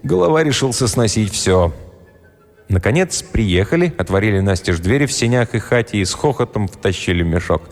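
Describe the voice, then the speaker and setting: Expressive male audiobook narrator. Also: lowish voice, normal speed. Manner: expressive storytelling. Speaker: audiobook reader. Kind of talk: scripted narration. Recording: roomy reverb, soft music behind.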